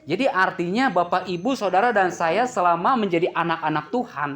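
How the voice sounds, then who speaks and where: A man with a high voice preaches a sermon at a fairly quick clip. He's lively, throwing in jokes and posing questions that the congregation answers aloud.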